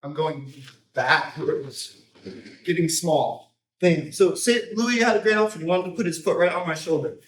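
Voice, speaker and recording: A man coaching a jiu-jitsu technique, explaining casually in short, choppy phrases and often checking in with a quick tag question. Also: a little high. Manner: informal, choppy phrases with repeated tag "right?". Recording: roomy echo, distant microphone.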